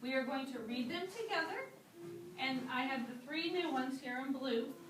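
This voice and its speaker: A woman teaching a kindergarten class, drawing out words slowly so young children can repeat them. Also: high voice, expressive. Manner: slow, drawn-out modeling of words. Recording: echoey classroom from far off, noisy.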